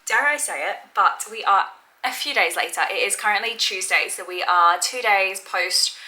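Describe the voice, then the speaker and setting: A woman's voice: medium pitch, normal speed, a crowd in the background, noisy background. A young adult woman chatting casually to her viewers as a vlogger. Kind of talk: casual chat to camera.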